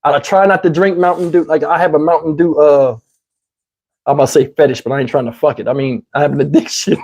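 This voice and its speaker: In dull audio, a rambling Southern US man with a fairly high, darkish, husky voice talks fast with fairly even intonation. He's a YouTube commentary host in casual livestream conversation with viewers, asking "you know what I'm saying." His voice is getting tired and his throat feels parched.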